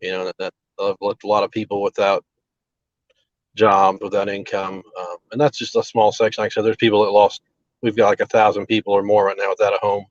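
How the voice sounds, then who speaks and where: A man, a restaurant owner, talks in a halting, earnest way full of fillers over a choppy, breaking-up call connection. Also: on the low side, level tone, no echo. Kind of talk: live remote interview. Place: outdoors near a relief center. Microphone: video call over a bad mobile connection. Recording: dull lo-fi call audio, very dry.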